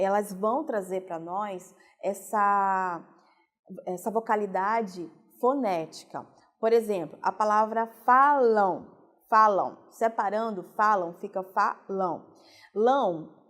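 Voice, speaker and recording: A woman teacher from Brazil, giving a recorded lesson and explaining slowly, stressing each example word. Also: mid-range voice. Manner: slow, deliberate explaining, stressing example words. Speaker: Portuguese teacher.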